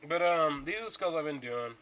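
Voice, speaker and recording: A man's voice: fairly high pitch, fairly quick, a crowd in the background. A young man rambling casually about his gaming progress as a podcast host, stuffy from allergies, with lots of ums and restarts.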